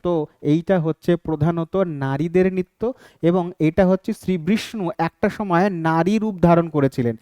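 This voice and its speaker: A man with a fairly high, clear voice gives an exam-prep lecture, walking through each point and pausing often to check that the students follow. The sound is close and dry, with almost no room echo. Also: mellow. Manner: explains step by step, keeps asking "ঠিক আছে?". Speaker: teacher.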